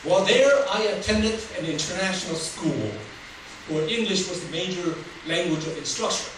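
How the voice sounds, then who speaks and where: High-pitched and animated at a normal speed, an older Taiwanese man, whose first language is Taiwanese, tells his life story in a funny public speech and laughs at his own jokes. The sound is noisy, picked up from far off in a large, reverberant hall.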